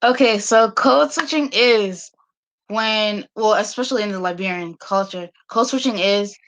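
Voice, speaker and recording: A woman's voice: medium pitch, measured pace, a bit bright. A young woman talking as a guest in casual chat, hesitant and full of fillers. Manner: hesitant, lots of likes.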